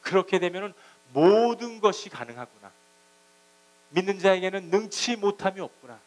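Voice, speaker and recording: A middle-aged male pastor preaching a sermon, swinging between soft asides and loud exclamations and mixing in English phrases. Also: high-pitched, lively intonation, moderate pace, rough recording.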